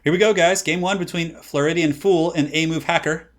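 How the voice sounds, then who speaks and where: A young man from California, streaming and casting a strategy game match, speaks briskly in a fairly high voice with fairly even intonation. His casual talk with chat rambles, heavy on "like" and broken-off starts.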